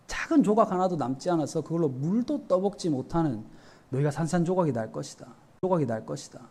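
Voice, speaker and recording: A male pastor giving an earnest, explanatory evening sermon, often pausing with short fillers. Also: fairly high pitch, vocal fry, mellow, husky. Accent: Korean.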